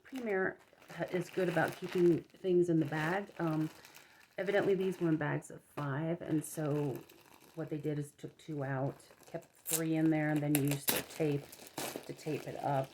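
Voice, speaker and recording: Low-voiced woman chatting through an unboxing. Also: steady tone, normal speed, darkish tone, a little hiss or hum, poor audio. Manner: rambling, musing aloud, often trailing off. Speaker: yarn craft vlogger, host. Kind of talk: casual unboxing chat to viewers.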